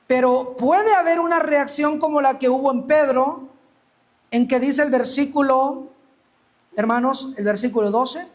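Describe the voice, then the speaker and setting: A man's voice: extremely high pitch, measured pace. A male preacher delivering an emphatic sermon, acting out the Bible scenes he tells. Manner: emphatic, acts out quoted Bible speech.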